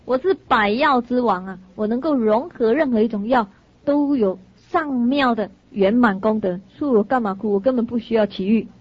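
A woman voicing a proud medicinal herb, the king of herbs, speaking calmly and self-assuredly. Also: a little high, moderate pace, dull audio, natural voice. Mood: smug. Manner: calm, self-assured boasting.

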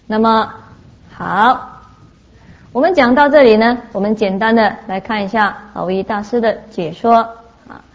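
A woman's voice: on the high side, a little slow, lo-fi sound. A woman giving a Buddhist sermon, telling stories with lots of "ah" fillers. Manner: lively anecdotal telling, frequent "ah" fillers. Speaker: Buddhist teacher.

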